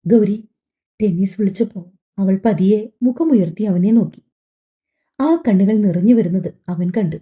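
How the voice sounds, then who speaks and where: Woman narrator, audiobook story, calm even delivery, very dark mellow voice, mid pitch. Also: normal speed.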